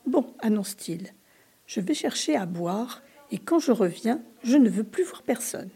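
A woman doing a grumpy storybook sloth who keeps losing his temper, his exasperated cries soft and mellow rather than harsh, with a very breathy, airy tone. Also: on the high side, lively intonation, a little slow, heavily acted. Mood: annoyed. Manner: exasperated shouting and whining. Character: fussy sloth, male, grumpy and put-upon.

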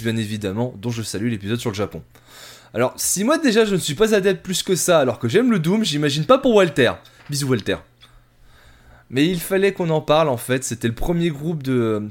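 A man hosting a music podcast, reviewing a band in a rambling, self-mocking, filler-heavy way. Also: medium pitch.

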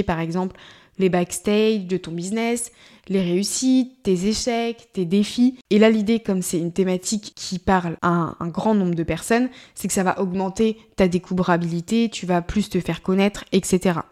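A woman's voice: fairly low pitch, darkish tone. A woman hosts a solo business podcast. Her tone is friendly and informal as she walks the listener through advice step by step, like a coach talking to one person. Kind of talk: casual solo podcast teaching.

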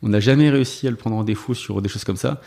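A software developer whose first language is French appears as a guest in a casual interview. His voice is on the low side and creaky, he talks fast, and his speech is full of fillers and restarts.

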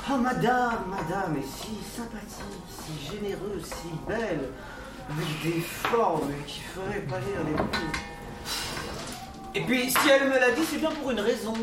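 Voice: mid-range voice, animated, a little slow, over music, lightly acted. An actor playing an eager, gossipy servant smitten with the mistress in a period audio drama. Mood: smitten, chatty. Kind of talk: period audio fiction acting. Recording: echoey, distant, noisy kitchen clatter.

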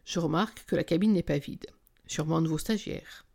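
A woman narrates a romance novel in the first person, with a wry, intimate delivery. Her voice is low and mellow, with a gravelly fry in it. At moments she lets it sink into a whisper. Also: brisk. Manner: intimate, wry storytelling, sometimes dropping to a whisper. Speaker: audiobook narrator.

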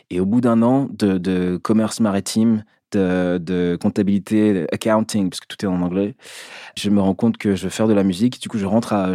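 Low, mellow-voiced man telling his story. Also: dry recording, studio quality. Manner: reflective, pausing often to search for words. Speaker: actor, interview guest. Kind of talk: personal storytelling in an interview.

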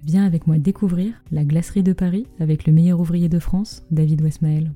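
Dark, mellow-voiced woman storyteller, close in. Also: lowish voice, fairly even intonation, a little fast, soft background music. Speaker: culinary storyteller and podcast host. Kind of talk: scripted narration, storytelling.

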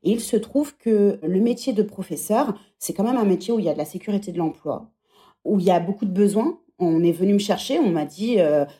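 A woman in her thirties talks as a podcast guest in a conversational interview. Her voice sits at a middle pitch with a mellow, warm tone. She reflects aloud as she answers. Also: expressive, brisk. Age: 30s. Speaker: podcast guest, former teacher.

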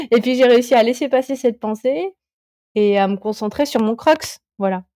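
A woman's voice: fairly high pitch, expressive, a little slow, a little mellow, no echo, studio quality. A woman in her thirties, a climber guest on a podcast, chatting casually and hesitantly with many fillers and restarts. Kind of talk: casual interview chat.

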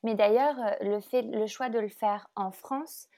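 A woman's voice: on the high side, measured pace, warm tone. A woman interviewing a guest casually, putting her questions tentatively and rephrasing them as she goes.

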